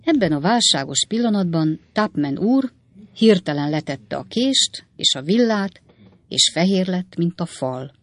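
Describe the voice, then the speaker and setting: A woman narrating an audiobook in a calm, even storytelling manner. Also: lowish voice, dry recording.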